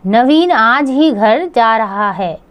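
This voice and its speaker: A woman narrating a grammar lesson for children, reading each term slowly and carefully. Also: fairly high pitch, animated, clean tone. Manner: slow, measured, reads word lists one by one. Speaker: teacher.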